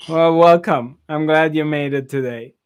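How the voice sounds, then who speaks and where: Hosting a casual online group chat over video call, a man who is a spiritual teacher speaks at normal speed in a high-ish, clean-toned voice. He often repeats and stammers over his words.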